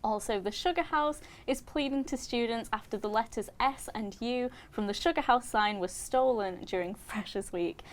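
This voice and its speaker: A woman's voice: on the high side, normal speed, few pauses. Upbeat young woman student news presenter. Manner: chatty and upbeat, laughs easily. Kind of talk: student news bulletin and studio chat. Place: student TV studio.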